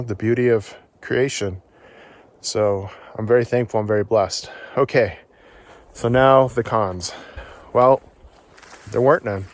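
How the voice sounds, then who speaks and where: A man vlogging outdoors on a forest hike, upbeat and encouraging, out of breath as he climbs. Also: lowish voice. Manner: upbeat, encouraging, talks while hiking. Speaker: solo backpacking vlogger. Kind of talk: casual outdoor vlog to camera.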